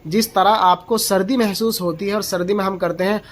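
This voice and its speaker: A Quran reading teacher giving a slow, step-by-step pronunciation lesson, explaining where each letter is formed and repeating its sound aloud. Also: mid-range voice, steady tone. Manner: patient, explains slowly and models each letter sound aloud several times; asks the learner short checking questions.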